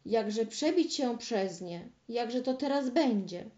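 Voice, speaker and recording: A woman's voice: on the high side, animated, slow pace, warm tone. A woman voicing an eager, anxious young boy who questions himself and calls out urgently in a fairy tale. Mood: worried. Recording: roomy, dull lo-fi recording.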